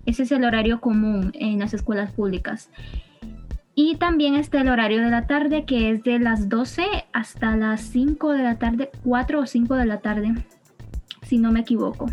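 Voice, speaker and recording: A young woman from Honduras with a Honduran accent, chatting hesitantly on a podcast and filling pauses often. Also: fairly high pitch, darkish tone, faint music behind. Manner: hesitant, fills pauses with "esto", giggly. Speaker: student podcast guest. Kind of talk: casual podcast chat.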